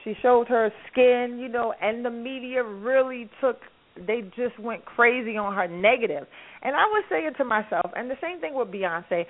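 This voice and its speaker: Speaking over the phone with a narrow line sound, this radio show host from Harlem, New York, runs a call-in panel. Her voice is a little high and her pace moderate, and she is chatty with frequent laughter.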